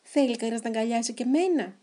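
A lonely little spiky creature from a storybook, put on by a woman reading aloud. He asks for things politely and pleads in a raised, warm voice. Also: on the high side, close to an everyday voice. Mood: polite pleading.

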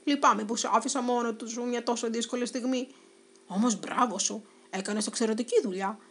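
A woman voicing an elderly, kindly lighthouse keeper in a storybook, gently praising. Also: a little high, fairly even intonation. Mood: proud. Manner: warm, praising. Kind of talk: storybook reading.

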